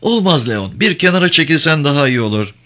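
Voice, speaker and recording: A man doing a frantic woman yelling over flames. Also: on the high side, very animated, fairly quick, pitched above the performer's own voice. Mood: desperate shouting. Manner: shouting, panicked. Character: frantic woman scientist shouting over fire.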